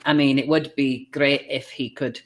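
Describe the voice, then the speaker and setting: A man's voice: medium pitch, fairly even intonation, normal speed, slight background noise. A man hosting a live stream, easygoing and chatty with lots of fillers. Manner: easygoing, many fillers, laughs often. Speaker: host. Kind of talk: casual live-stream chat.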